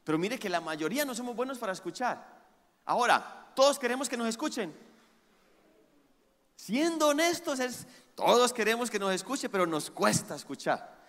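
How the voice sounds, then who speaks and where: A man preaching a sermon, leading the congregation in call-and-response and moving between hushed and loud emphatic passages. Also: very high voice, lively intonation, moderate pace, in a large hall. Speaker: pastor.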